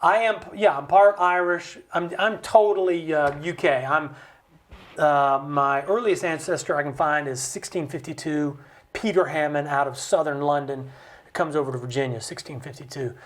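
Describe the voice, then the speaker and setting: Animated American man, studio guest. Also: moderate pace. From United States. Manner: animated, acts out quoted voices with big jumps in pitch. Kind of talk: impassioned conversational explanation. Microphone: studio mic.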